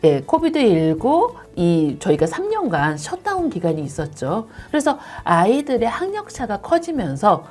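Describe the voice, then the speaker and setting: A woman's voice: medium pitch, wildly swooping pitch, normal speed, hardly any pauses, darkish tone, faint music behind. A woman who directs an English academy, politely explaining teaching methods step by step to parents.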